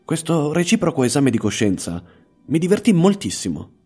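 A man narrating a story in the first person with an even, steady reading. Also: fairly high pitch, normal speed, slightly rough, soft background music. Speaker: audiobook narrator.

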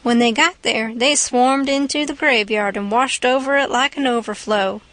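A woman narrating a classic novel as an audiobook, in a folksy, unhurried storytelling manner. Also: fairly high pitch, fairly bright tone. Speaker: audiobook reader.

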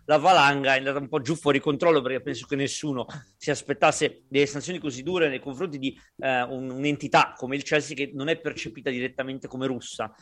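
A man with a mid-range voice explains things as a sports podcast panellist. His talk is conversational and comes out very fast. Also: medium pitch, fairly even intonation, fairly bright tone. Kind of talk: conversational analysis.

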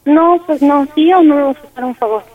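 A woman's voice: high-pitched, quick pace. A woman playing the daughter, talking in a whiny, pushy way. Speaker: daughter in prank call. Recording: tinny phone line with faint noise.

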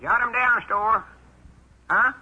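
A man playing an old grandpa who puts on a squeaky high voice on the telephone, halting and flustered. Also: bright, forceful tone, breathy edge, full character voice. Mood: fake-polite flustered. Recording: dull lo-fi old radio recording.

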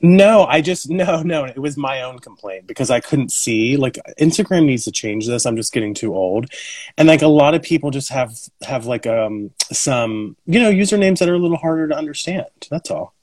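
A man's voice: mid-range voice, moderate pace, no echo, poor audio. Dry-sounding man, chatty co-host. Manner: animated, jokey, lots of fillers. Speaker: podcast co-host. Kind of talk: casual chat on an Instagram live. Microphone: video call.

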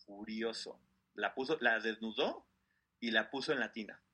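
A man's voice: on the low side, normal speed, slightly rough. A man, retelling a story to co-hosts in a casual chat, acting out what people said. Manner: animated retelling, acting out quotes.

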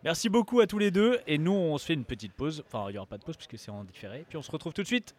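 A man's voice: on the high side, expressive, very fast. Male poker-radio host: loose, jokey, rambling delivery. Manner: joking, rambling, many restarts. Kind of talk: casual interview hosting.

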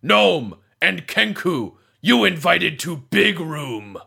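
A man voicing a slow-witted, hulking golem guard who talks in broken, simple phrases. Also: fairly high pitch, very animated, creaky, slightly rough, full character voice. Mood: blunt, broken. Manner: broken simple speech, loud.

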